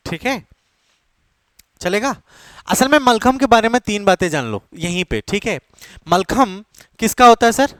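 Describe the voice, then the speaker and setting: A man's voice: sits high, no echo. A man teaching an exam coaching class, repeating key terms and checking often that students follow, with English words mixed in. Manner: repetitive, keeps checking with students. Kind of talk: classroom lecture.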